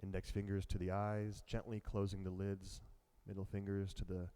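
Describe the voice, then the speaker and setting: Low, mellow-voiced man guiding a meditation. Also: smooth. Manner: slow, calm and soft-spoken. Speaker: meditation teacher. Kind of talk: guided meditation instruction.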